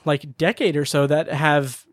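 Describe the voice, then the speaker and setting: A man's voice: on the high side, fairly even intonation, a little slow, no echo, studio quality. A man co-hosting a podcast in casual chat, chatty and casually swearing, with lots of fillers. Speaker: podcast co-host.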